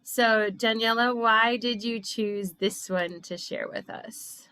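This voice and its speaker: A woman hosting a casual group discussion, enthusiastic and quick to laugh. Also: a little high, steady tone, clear, resonant tone, no room sound. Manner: warm, enthusiastic, laughs often. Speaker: host.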